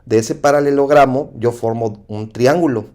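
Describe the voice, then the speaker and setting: A man with a Mexican accent teaching an engineering lesson over slides, often pausing with "¿sí?" to check understanding. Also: mid-range voice, a little mellow. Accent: Mexican Spanish. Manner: repetitive, asks "¿sí?" to check understanding. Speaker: engineering instructor.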